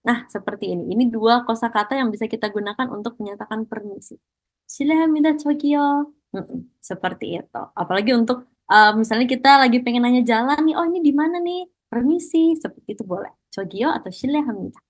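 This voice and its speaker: A woman with a high voice leads an online language lesson. She explains step by step and often praises her students. Her tone stays encouraging throughout. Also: racing. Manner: encouraging, mixes Korean praise into Indonesian. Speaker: Korean language teacher. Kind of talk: online class teaching.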